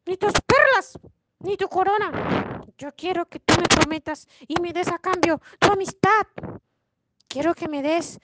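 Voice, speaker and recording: A woman voicing a big talking frog in a storybook tale, bargaining in slow, drawn-out words. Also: very high-pitched, voice pushed up. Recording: noisy home recording.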